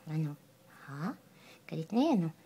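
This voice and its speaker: A woman's voice: deep voice, sing-song, a little slow, mellow, slight background noise. A woman, teasingly coaxing her pet in playful baby talk, with sing-song calls and giggles. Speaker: pet owner talking to her pet.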